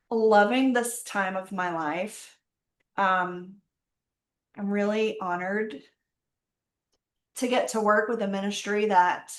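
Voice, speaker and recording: A middle-aged woman telling her story openly and reflectively in a casual conversation. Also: medium pitch. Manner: open, reflective, faith-centered storytelling. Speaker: podcast guest. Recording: roomy echo.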